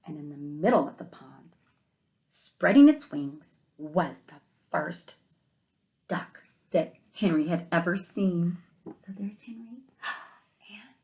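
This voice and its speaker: With a lowish voice, a female teacher brings a picture book to life for small children, reading it aloud with expression. Now and then she gently asks the little listeners questions.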